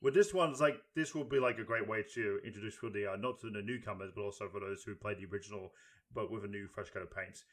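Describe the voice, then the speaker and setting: A man chatting on a gaming podcast, talking in quick halting bursts with many fillers. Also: on the low side, fairly bright tone. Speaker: podcast co-host. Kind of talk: casual chat.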